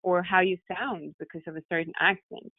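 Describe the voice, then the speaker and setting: This tech founder, a woman with a Russian accent, talks briskly in a lowish, fairly even voice about building her company. She's a podcast guest in a conversational interview, heard over a narrow, muffled, phone-like recording with no room sound.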